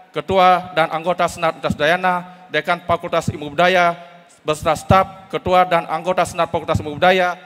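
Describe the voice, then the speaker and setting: A middle-aged man, giving a formal, measured academic oration as a professor at a podium microphone. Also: on the high side, fairly bright tone. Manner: formal, measured, reads prepared speech. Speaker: professor giving inaugural lecture. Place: large auditorium. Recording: reverberant auditorium hall.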